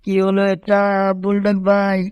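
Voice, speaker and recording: A man's voice: sits high, monotone, unhurried, clear, resonant tone, no room sound, highs cut off. A man voicing Tom, a clumsy panicky cartoon cat who frets and yelps. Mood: panicked. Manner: panicky exclamations, pleading.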